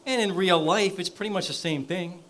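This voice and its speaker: An actor on stage playing an eager small-time comic from New York, brash and chatty. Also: male voice, high voice, normal speed, fairly bright tone, slight background noise. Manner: brash, wisecracking showbiz patter. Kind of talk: stage play acting.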